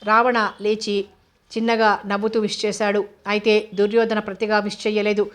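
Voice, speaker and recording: A woman reading a novel aloud as narrator, in a steady, even audiobook style. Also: medium pitch, moderate pace.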